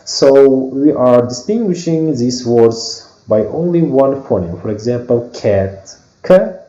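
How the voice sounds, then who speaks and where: A man with an Uzbek accent walks through a phonology lesson at a very slow, hesitant pace, full of fillers. His voice is dark and mellow. The recording is echoey and dull, as if made in a bare room. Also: medium pitch. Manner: hesitant, many fillers and restarts. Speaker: English teacher.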